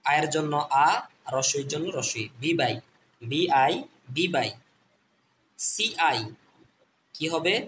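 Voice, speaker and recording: A man teaching English reading online, repeating letter sounds slowly and addressing viewers as friends. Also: fairly high pitch, a bit bright, a little hiss or hum. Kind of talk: phonics lesson.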